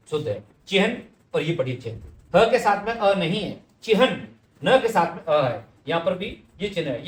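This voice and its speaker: A man's voice: high voice, roomy sound, a little hiss or hum. A man teaching correct Hindi spelling, explaining each word patiently and speaking directly to his students.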